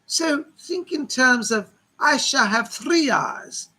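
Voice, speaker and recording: A man working as a seance medium, voicing a gentle, motherly woman spirit in a genteel, old-fashioned, consoling manner with a husky voice. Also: extremely high pitch, animated, full character voice. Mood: soothing, solemn. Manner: genteel, old-fashioned, slow solemn reassurance.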